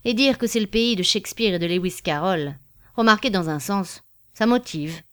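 A woman's voice: medium pitch, moderate pace, a bit bright, smooth, close to an everyday voice. Woman voicing a grumbling, gloomy male Death. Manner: grumbling, sardonic.

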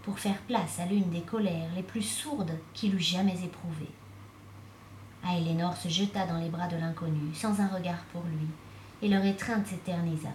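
A woman reading a novel aloud as narrator, with steady, even storytelling. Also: on the low side, moderate pace, slight background noise. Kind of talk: audiobook reading. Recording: echoey room.

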